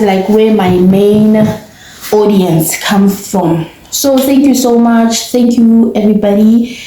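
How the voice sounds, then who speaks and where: A woman's voice: medium pitch, mellow. A young South African woman with a South African accent, talking earnestly and gratefully to her viewers in a casual vlog. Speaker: vlogger. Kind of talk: casual vlog talk to camera. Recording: roomy echo.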